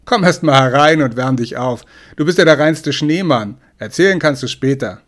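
A man reading an audiobook, voicing a brisk, caring male friend who welcomes a guest. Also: fairly high pitch, animated, lightly acted. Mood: welcoming.

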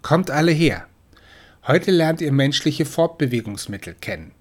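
A man doing a gentle, graceful mother cat. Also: fairly high pitch, big pitch swings, moderate pace. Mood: instructive. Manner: soft, instructive.

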